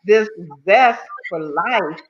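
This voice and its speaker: A woman's voice: medium pitch, animated, extremely slow, dull audio. A woman in her seventies, a talk-show guest, chatting in a rambling way full of repeated phrases. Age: 70s. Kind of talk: casual talk-show interview.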